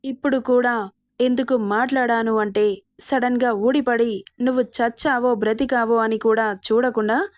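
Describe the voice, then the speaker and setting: Brief: woman reading a blunt young man in an audio story, higher voice, dry close sound. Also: dry recording, close to an everyday voice. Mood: firm. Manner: cold, defiant, blunt. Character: angry young man defending his mother.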